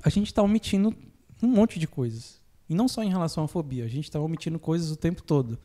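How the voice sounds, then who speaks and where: A phobia therapist hosting a podcast explains therapy ideas in a casual chat, talking fast with a warm, animated voice. He acts out his clients' lines in a higher voice and laughs easily.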